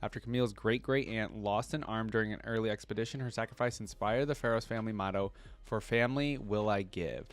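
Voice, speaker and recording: A man with a voice on the low side speaks briskly while hosting a reaction video about game character lore. He mixes casual, enthusiastic commentary with reading aloud and his own interjections.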